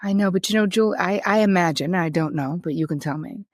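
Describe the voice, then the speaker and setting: A woman's voice: lowish voice, fast talker, no room sound, clean studio sound. A woman hosting a casual interview, talking candidly and informally, with some casual swearing. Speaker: interview host.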